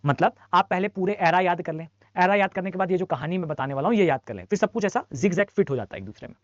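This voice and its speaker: A man's voice: sits high, animated, fast talker, no echo. A male teacher giving an online class lecture, drilling lists by repetition and mixing English phrases into his talk. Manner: drills lists by rote, repeating for students; mixes English phrases into Hindi. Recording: dull dry lo-fi mic.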